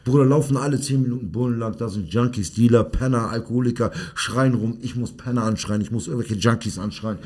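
A man's voice: medium pitch, fast talker, few pauses, darkish tone. A man, a children's martial arts coach, chatting bluntly and heatedly in street slang on a podcast. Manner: street slang, 'Bruder' and 'Digga' in every sentence. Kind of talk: casual podcast chat.

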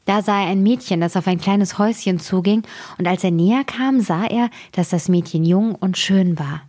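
Eine Radiomoderatorin, die ruhig und gleichmäßig Märchen vorliest. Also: female voice, medium pitch, normal speed, warm tone. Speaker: radio presenter reading fairy tales. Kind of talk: storybook narration.

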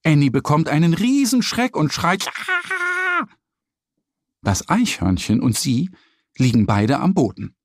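A man narrating a children's story slowly and expressively. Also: a little high, no room sound, studio quality. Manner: slow, lively storytelling.

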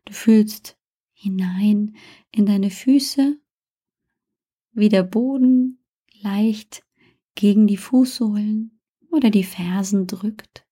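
A woman narrating a guided meditation like a sleep story, softly and calmly, often near a whisper, with long pauses and gentle suggestions. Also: mid-range voice, husky. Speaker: guided relaxation instructor.

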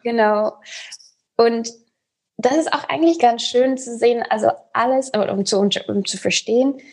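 Appearing as a podcast guest, this health coach talks in German, which is not her first language, explaining things in a conversational way. Her voice is gravelly and husky, a little high and a little mellow. She speaks haltingly, hunting for words, and her grammar is non-native.

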